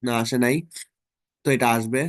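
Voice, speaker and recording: A man's voice: mid-range voice, little pitch movement, moderate pace. A man tutoring students through exam topics in a casual online lesson, often checking in with them.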